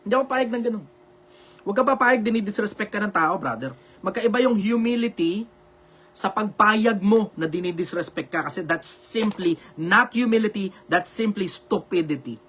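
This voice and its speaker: A man's voice: high-pitched, lively intonation, normal speed, slightly rough. A man with a Filipino accent, hosting a live video-call show and giving blunt, emphatic advice that he often repeats. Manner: says he speaks loudly on purpose for social media. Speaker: live show host answering viewer questions. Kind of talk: loud, preachy live advice talk.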